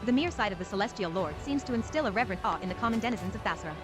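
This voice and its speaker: A quick-paced female narrator with a mid-range voice tells a fantasy game's story. Her delivery is scripted and dramatic, with prominent music underneath. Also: medium pitch, expressive. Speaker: game narrator.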